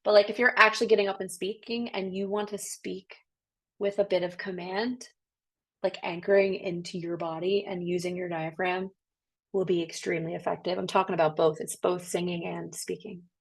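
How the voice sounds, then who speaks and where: A woman's voice: fairly low pitch, level tone, normal speed, creaky, breathy edge. A woman who is a trained soprano, coaching a group over a video call in a chatty, upbeat, encouraging way with casual fillers. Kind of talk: online voice workshop instruction.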